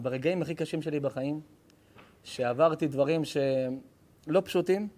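A rabbi with a fairly high-pitched voice gives a live Torah lesson to an audience. He banters affectionately with the crowd, and his tone turns heartfelt when he speaks about faith.

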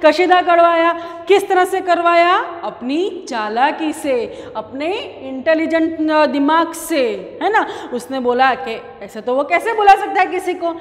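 A woman's voice: very high-pitched, expressive, measured pace, hardly any pauses, in a large hall. A woman teacher, animatedly telling a story and explaining words to children.

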